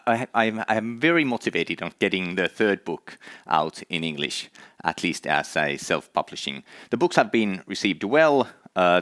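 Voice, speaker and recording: A middle-aged Finnish man with a Finnish accent gives an earnest conference presentation in a conference hall, hesitating often with "uh" and repeating words. His voice is low and a bit bright, captured in a dry recording with clean studio sound.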